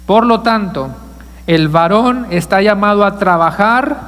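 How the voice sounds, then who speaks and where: A man's voice: high-pitched, unhurried, a bit bright, long reverb tail. A male pastor preaching a sermon, asking the congregation questions and joking with them. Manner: asks the congregation questions, jokes with listeners. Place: church sanctuary.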